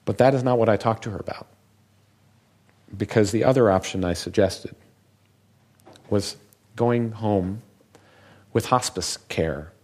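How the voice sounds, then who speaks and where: A man with a very low, deep voice gives a public talk as a physician. He tells stories in a measured, reflective way, taking his time over each thought. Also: a little mellow, husky.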